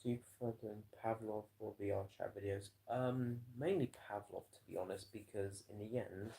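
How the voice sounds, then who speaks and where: A man's voice: fairly low pitch, normal speed, vocal fry, warm tone, husky, low-quality recording. A tired man rambling and swearing through a late-night live stream chat, yawning as he talks. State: exhausted. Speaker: livestreamer.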